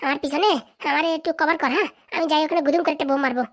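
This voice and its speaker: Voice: high-pitched, very fast, fairly bright tone. A voice actor playing a stubborn boy hooked on mobile games, talking brashly and bossily. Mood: bossy. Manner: brash, bossy game talk. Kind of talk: comic cartoon voice acting.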